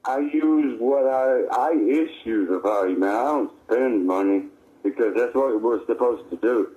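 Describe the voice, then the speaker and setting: A man phones in to a live radio show and is heard over the radio. He talks informally and wanders through his points with some insistence, at an average male pitch. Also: unhurried, mellow, muffled recording. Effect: voice of a caller over the radio. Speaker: call-in listener. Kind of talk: casual radio call-in.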